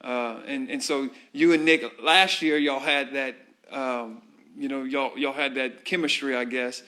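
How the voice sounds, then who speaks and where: A man's voice: medium pitch, fairly even intonation, a little slow, sharp tone. A man interviewing a player at halftime, asking friendly, rambling questions full of fillers. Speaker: sideline interviewer at a high school football broadcast.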